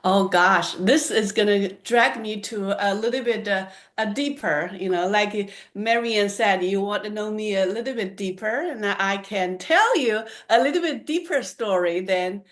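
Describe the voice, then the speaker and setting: A woman's voice: medium pitch, a little slow, hardly any pauses. A woman from China, a holistic nutritionist guest on a podcast, speaking thoughtfully and sometimes searching for words. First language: Chinese. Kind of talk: podcast interview.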